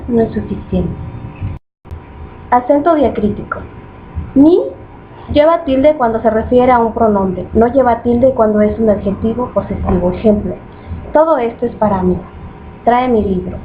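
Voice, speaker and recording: A woman's voice: fairly high pitch, measured pace. Woman reading a lesson over a tinny line. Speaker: student presenter. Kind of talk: reading a grammar lesson aloud. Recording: tinny phone-like recording with faint noise.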